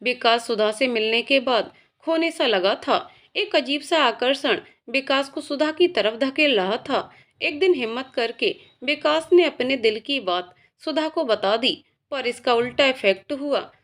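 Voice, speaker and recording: A woman narrating a romantic story in a gentle, even storytelling manner. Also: sits high, unhurried.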